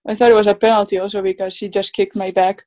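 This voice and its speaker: A woman's voice: medium pitch, flat delivery, fast, a little mellow. A woman from the Basque Country speaking English with a Basque Spanish accent, answering casually as a footballer in an interview. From Basque Country, Spain. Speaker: professional footballer being interviewed.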